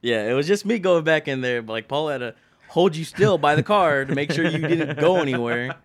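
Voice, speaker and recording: A young man telling a story among friends, animated and acting out what people said, with plenty of swearing. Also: on the high side, fairly quick. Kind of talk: casual storytelling.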